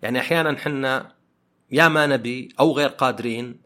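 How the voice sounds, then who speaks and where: A man hosting a podcast, talking through ideas in a thoughtful way and often pausing to search for words. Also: mid-range voice, sharp tone. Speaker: podcast host. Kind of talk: reflective podcast monologue.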